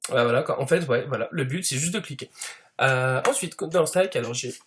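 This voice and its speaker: A man's voice: mid-range voice, brisk, a bit bright. A man doing a comedic parody monologue as a smug show-off, padding every sentence with fillers. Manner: smug show-off persona, heavy fillers, constant "tu vois". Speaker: YouTuber.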